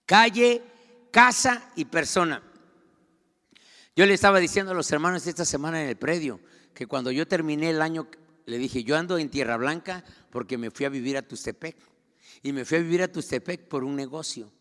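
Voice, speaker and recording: A middle-aged man with a Mexican Spanish accent, preaching a sermon as pastor. He moves between quiet personal storytelling and loud, fervent outbursts. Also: fairly high pitch, normal speed. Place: church. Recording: long reverb of a church hall.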